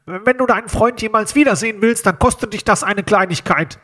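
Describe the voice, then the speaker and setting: A man's voice: high-pitched, a little fast, sharp tone, voice pushed up. A man voicing a teenage bully who disguises his voice on the phone by holding his nose, nasal and mocking. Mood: menacing. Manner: threatening, mocking. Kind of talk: audiobook reading.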